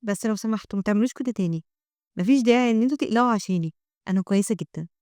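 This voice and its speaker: A woman with an Egyptian Arabic accent voicing a gentle young half-dragon girl in a manhwa recap, reading her lines softly and politely. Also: mid-range voice, racing, no room sound, clean studio sound, natural voice.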